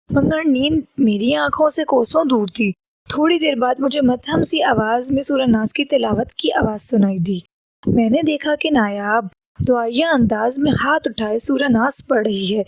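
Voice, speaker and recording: High-voiced woman reading a horror story. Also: no room sound. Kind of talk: scripted audiobook narration.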